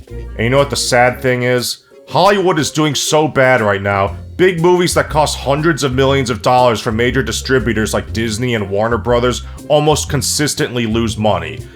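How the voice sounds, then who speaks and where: Snarky profane male movie reviewer. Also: mid-range voice. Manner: snarky, profane, deadpan jokes. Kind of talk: sarcastic comedic movie review narration.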